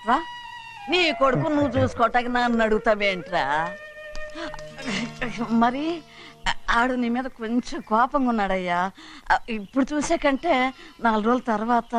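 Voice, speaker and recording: A woman's voice: sits high, lightly acted. An actress playing a grieving older village mother who pleads with her son in rustic, affectionate film dialogue.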